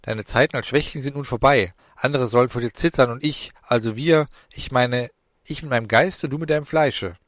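A man puts on a young male demon from a storybook, brash and bloodthirsty, his voice raised and pushed forward. He sounds falsely gentle while taunting his victim, in a dry, close recording. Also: medium pitch, brisk, no echo, voice pushed up, natural voice.

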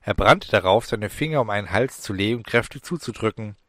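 A man narrating an audiobook in a measured, deliberate reading. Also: on the low side, expressive, fairly bright tone, dry recording, studio quality.

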